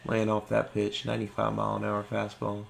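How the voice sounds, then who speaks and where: Brief: tired male gaming host, flat monotone delivery, gravelly fry, stumbles now and then. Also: a little fast. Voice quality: stumbles over words. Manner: monotone, low-key. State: tired, late at night. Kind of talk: casual talk over gameplay.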